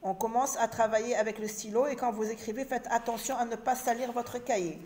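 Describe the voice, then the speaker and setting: A woman teacher giving a reading lesson to children, spelling out syllables slowly and clearly and repeating each word. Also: on the high side, steady tone, a little mellow.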